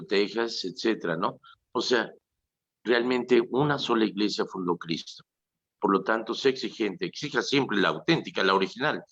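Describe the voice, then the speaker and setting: A low-voiced man, a priest hosting a call-in radio show. He teaches in a folksy, joking way and acts out the people he quotes. The sound is dry and close, with a dull broadcast tone. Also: a bit bright, no echo. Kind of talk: conversational radio catechesis.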